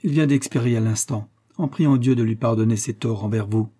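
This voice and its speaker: An old village priest speaks with firm, commanding authority, as a man reading a storybook puts him on. The tone is mellow and dark. It carries a light husk. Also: medium pitch, a little fast, lightly acted.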